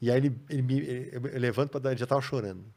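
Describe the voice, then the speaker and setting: A man with a Brazilian Portuguese accent, a podcast guest telling stories in a casual, animated way. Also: mid-range voice, very fast. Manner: animated, acts out quoted voices. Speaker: podcast guest, comics writer. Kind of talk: casual storytelling. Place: podcast studio.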